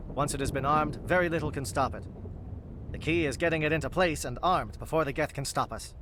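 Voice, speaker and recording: An actor voicing a calm, grave alien captain in video game dialogue, precise and matter-of-fact. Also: male voice, on the high side, fairly quick, slight background noise, lightly acted. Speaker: Salarian captain planning an assault.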